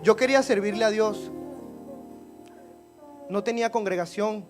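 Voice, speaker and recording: A high-voiced man preaches with fervor, dropping to a hush and then climbing to loud, ringing lines. Guitar music plays clearly beneath him. It sounds like a church service. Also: unhurried. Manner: fervent, swinging between hushed and loud. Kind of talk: sermon with prayer. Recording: guitar playing under the voice.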